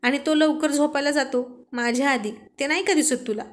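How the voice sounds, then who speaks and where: A woman's voice: high voice, steady tone, moderate pace, lightly acted. A woman voicing a touchy young man who argues back sharply in a spoken story. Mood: sulky.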